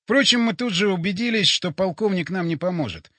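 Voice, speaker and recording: A man with a high-sitting voice narrates a first-person sci-fi audiobook, telling the story in an expressive, animated way at a slightly fast pace. He was recorded dry on a close studio mic.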